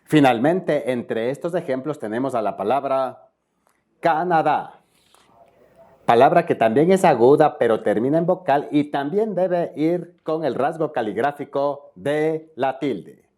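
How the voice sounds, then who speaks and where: A man from Ecuador hosts a spelling video lesson, his voice sitting at an ordinary middle pitch. He walks through each rule example by example. He keeps checking in with his viewers as he goes. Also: animated, measured pace, warm tone. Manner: explains step by step, often checks in with viewers. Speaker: spelling tutor.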